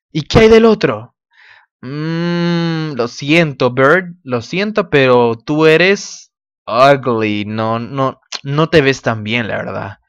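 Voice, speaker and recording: A man's voice: fairly high pitch, fairly bright tone. A man teaching English vocabulary in a casual video lesson, checking in often with his students and repeating words for them to echo.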